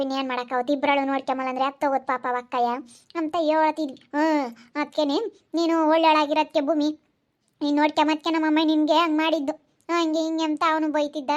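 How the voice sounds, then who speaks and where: A woman acting as a village aunt handing out moral lessons in a homemade village drama. Her voice is high and stays flat, and she lectures in a steady, preachy way. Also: dull audio, natural voice. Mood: consoling. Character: older village aunt who gives moral advice.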